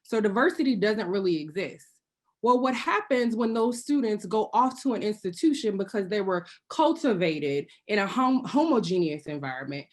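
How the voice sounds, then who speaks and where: A woman speaking as a panelist on a video call, delivering prepared remarks. Her tone is earnest and pointed, broken by wry asides, and she sometimes pauses to clear her throat. Her voice sits at a middle pitch. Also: lively intonation. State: occasionally choking and clearing throat.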